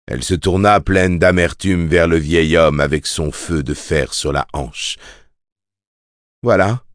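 A man narrating a novel as an audiobook in a measured, even storytelling manner. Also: extremely low pitch, no room sound, clean studio sound. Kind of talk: scripted narration.

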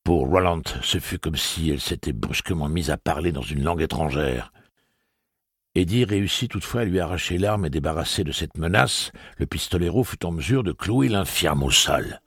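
A man narrating an audiobook with an expressive, dramatic reading. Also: deep voice, normal speed, slightly rough, no echo, studio quality. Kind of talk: scripted narration.

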